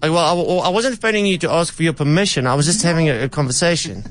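A man playing a bumbling, over-familiar boyfriend, lively higher voice. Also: rapid-fire, no echo, close to an everyday voice. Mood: cheeky, rambling. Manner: hesitant, rambling, casual. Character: cocky, over-familiar young boyfriend, awkward prank caller. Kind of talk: prank phone call.

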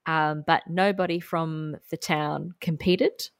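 A woman with an Australian accent co-hosts a podcast, telling a story in a chatty, giggly way. Her voice sits fairly low. The recording is dry and close, with no room sound. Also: fairly even intonation, slow pace, gravelly, clean tone, no echo. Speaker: podcast co-host. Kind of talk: casual chat.

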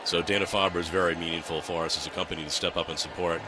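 Deep-voiced male guest in a noisy booth. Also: steady tone, rapid-fire. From Boston area, United States. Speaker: corporate public affairs director, guest in the booth. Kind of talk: conversational live broadcast interview. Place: broadcast booth at a ballpark. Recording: broadcast booth with clear outdoor noise.

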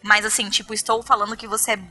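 A woman's voice: medium pitch, fast, faint music behind. A Brazilian woman with a Brazilian Portuguese accent, chatting as a podcast guest and acting out the people in her stories. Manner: animated storyteller who acts out quoted dialogue. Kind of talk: casual podcast chat.

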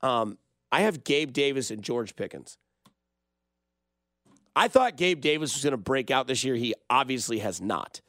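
A man hosting a fantasy football advice show on sports radio, animated and opinionated as he chats with listeners. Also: mid-range voice, normal speed, pauses often, no echo. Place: radio studio.

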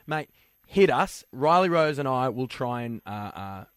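A man with an Australian accent hosting casual radio banter in a jokey, animated manner. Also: medium pitch, measured pace, clean tone, no echo, clean studio sound. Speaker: radio and podcast host.

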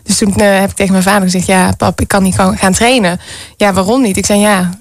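A woman guest candidly telling a personal story in casual conversation, often pausing on fillers. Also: medium pitch, steady tone, no room sound. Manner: candid, frequent fillers and restarts.

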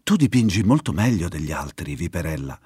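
A man voicing a gentle, cheerful female grass snake who talks simply and kindly. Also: sits low, sing-song, a little fast, slightly rough, no echo, clean studio sound, voice pushed down, heavily acted. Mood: earnest.

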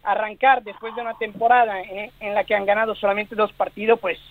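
Italian-accented man, high voice, phoning in as a guest, thoughtful and hedging, over a tinny line. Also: flat delivery, brisk, dry recording. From Italy. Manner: thoughtful, hedging, many restarts. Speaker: guest author. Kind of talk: casual radio interview. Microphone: phone line.

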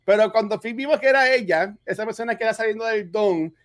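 A man's voice: sits high, fast, fairly bright tone. A man co-hosting a casual chat, enthusiastic and rambling, with many restarts. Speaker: podcast co-host.

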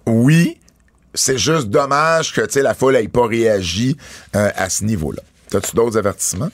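A man with a Quebec French accent hosting a casual wrestling podcast, animated and quick with asides. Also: mid-range voice, dry recording, clean studio sound. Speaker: podcast host.

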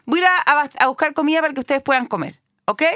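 Woman doing bossy mother goat, chilean accent, high, emphatic, dry sound. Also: animated, rapid-fire, pushed and bright, no room sound. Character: fussy mother goat giving orders.

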